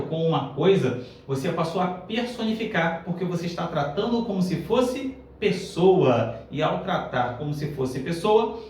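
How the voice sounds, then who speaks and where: A man with a Brazilian accent teaching a grammar lesson in a classroom, explaining upbeat and checking in with the class, slowing down to stress each example. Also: fairly high pitch. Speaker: Portuguese teacher. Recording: echoey room, distant mic, faint hiss.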